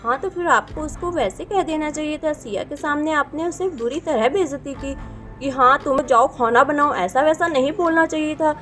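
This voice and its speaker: Village farmer man, reasoning and mediating, pitched high; woman plays him in a doll story. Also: moderate pace, fairly bright tone, soft background music. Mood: firm. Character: village farmer man, calm head of household. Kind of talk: doll video role-play.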